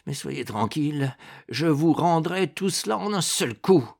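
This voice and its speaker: A man voicing a proud, wounded baron with a gruff, grudging manner. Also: on the high side, animated, a little slow, pitched above the performer's own voice, exaggerated voice. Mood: growling.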